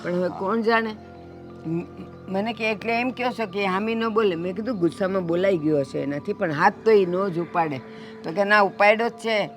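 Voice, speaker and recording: A woman's voice: medium pitch, moderate pace, faint music behind, close to an everyday voice. A middle-aged woman playing an upset mother who indignantly retells a quarrel over her daughter. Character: distressed mother of a wronged bride.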